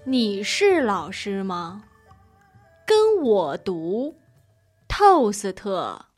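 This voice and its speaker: Slow, lilting strict tutor, drills each line. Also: female voice, mid-range voice, wildly swooping pitch, soft background music, full character voice. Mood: instructive. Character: strict young female Chinese tutor. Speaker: tutor in a lesson dialogue.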